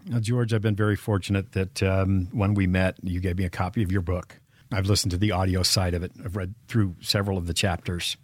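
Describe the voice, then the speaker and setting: A man hosting an interview, asking measured questions. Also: deep voice, steady tone, no room sound, studio quality. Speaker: interview host.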